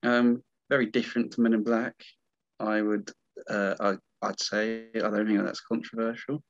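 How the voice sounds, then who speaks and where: A man's voice: on the low side, little pitch movement, normal speed, dry recording. A young man in his twenties co-hosting a casual film podcast, rambling with many hesitant fillers. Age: 20s. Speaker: podcast co-host. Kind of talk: casual film-review chat. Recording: dull, dry lo-fi mic.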